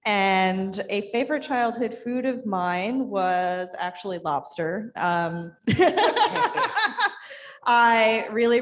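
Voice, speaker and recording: Woman, from Long Island, food writer on a panel, friendly, laughing, repeats words, medium pitch. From Long Island, New York. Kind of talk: casual panel answer.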